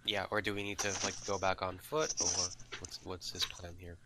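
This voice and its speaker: A man's voice: low-pitched, flat delivery, normal speed, noisy background. A man chatting casually as a player in a tabletop game.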